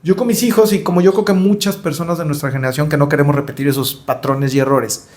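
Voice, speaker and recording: A middle-aged man with a Mexican accent tells stories as a guest on a podcast, speaking quickly in a fairly high, steady, slightly mellow voice. He sounds reflective in this conversational interview, repeating words as he searches for the right ones.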